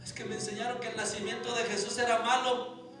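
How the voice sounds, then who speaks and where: Male pastor, storytelling sermon, swings from hush to shout, high voice, distant mic. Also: little pitch movement, fast talker. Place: church sanctuary. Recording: echoey church hall, distant mic, music.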